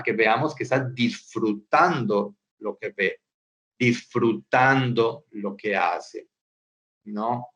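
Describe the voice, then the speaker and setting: Slow, hesitant male psychologist. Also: medium pitch, fairly bright tone, highs cut off. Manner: hesitant, repeats words, frequent rhetorical "¿no?". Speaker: school psychologist. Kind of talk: webinar presentation.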